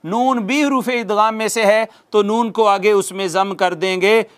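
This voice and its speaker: A man with a high-pitched voice teaches a class the rules of Quran recitation. He works through each rule step by step, asks questions and answers them himself. He repeats Arabic examples slowly and draws them out. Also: fairly even intonation. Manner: addresses listeners formally. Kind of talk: classroom lesson on tajweed rules.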